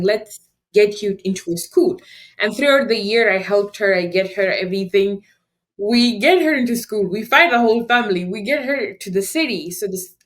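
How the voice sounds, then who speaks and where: An animated young woman from Afghanistan talks through her story as an interview guest. She speaks quickly, laughs often and acts out the voices of the people in her story. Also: mid-range voice. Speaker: guest, nonprofit founder. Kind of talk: conversational storytelling.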